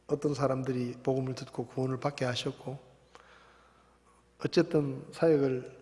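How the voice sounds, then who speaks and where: A male pastor preaching a sermon, shifting between quiet reflection and loud emphatic passages, recorded in a church sanctuary. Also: medium pitch. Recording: long reverb of a church hall.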